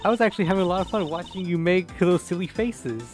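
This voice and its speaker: A cheeky young lady thief from a visual novel, played by a man doing a woman's voice. She is playful and boastful, with a girlish, raised pitch and theatrical flair. Music plays faintly behind. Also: fast, lightly acted. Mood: teasing. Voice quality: girlish put-on voice. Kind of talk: dramatic reading of visual novel dialogue.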